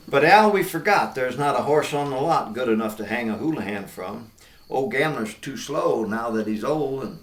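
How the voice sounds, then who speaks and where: An older American man with a folksy cowboy twang, telling stories and reciting cowboy poetry. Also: medium pitch. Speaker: cowboy poet. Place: inside an old log barn. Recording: roomy echo, distant microphone.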